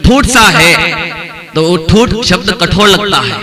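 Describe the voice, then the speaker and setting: A man preaching in a high voice, speaking to the gathering like a conversation and repeating his key phrases. The crowd's noise carries clearly beneath him, and he turns to call on listeners by name. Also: expressive, a little slow. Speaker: pandit giving a religious discourse. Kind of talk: sermon. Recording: noisy crowd in the background.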